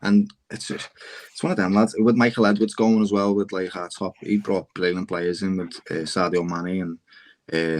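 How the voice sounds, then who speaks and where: A young man with a Liverpool accent, passionately arguing in a casual football debate and calling everyone "lad". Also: deep voice. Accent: Liverpool (Scouse). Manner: passionate, repeatedly says "lad", animated. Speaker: Liverpool fan panelist on football podcast.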